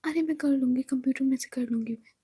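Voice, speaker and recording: A woman's voice: high voice, fast, mellow, slightly rough, dry recording, clean studio sound. A woman voicing a timid young female employee who answers nervously, in whispered role-play. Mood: reassuring. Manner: nervous, hesitant, pleading.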